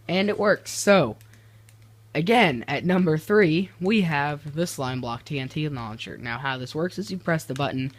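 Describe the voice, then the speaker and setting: A teenage boy casually commenting on his game builds, rambling and restarting his sentences, easily exasperated. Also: on the high side. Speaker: gaming video creator.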